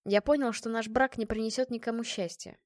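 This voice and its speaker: A woman reading the part of a weary young nobleman, guilty and apologetic, speaking low and subdued in an audiobook. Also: steady tone, fairly quick, dry recording, clean studio sound, natural voice.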